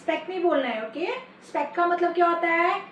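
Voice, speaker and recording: A woman with an Indian English accent teaching a nursery poem, slow and sing-song, mixing Hindi and English. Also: extremely high pitch, fairly bright tone, highs cut off. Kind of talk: online nursery-class lesson. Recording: echoey room, voice off-mic, faint hiss.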